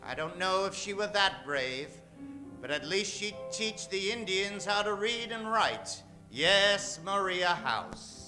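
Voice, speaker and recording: Introducing a radio play's cast, this announcer narrates an old-time western with theatrical flair, stretching out the names dramatically and emphatically. His voice sits high, animated, pushed and bright, delivered slowly with music behind it.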